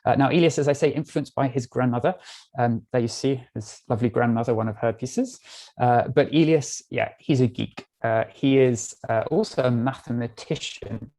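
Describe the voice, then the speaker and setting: A British man speaks at a middle pitch with a mellow, dark tone, guiding listeners through a live online art tour. He talks in a relaxed way, pausing often with small fillers as he explains each piece. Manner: relaxed, frequent filler pauses. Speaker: tour guide.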